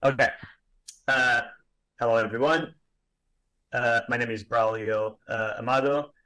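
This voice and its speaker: The speaker is a graphic designer in his thirties from Portugal, lecturing online in English with a Portuguese accent and a halting, self-deprecating manner marked by many fillers and restarts. His voice is medium-pitched, steady and sharp in tone, and the recording quality is low.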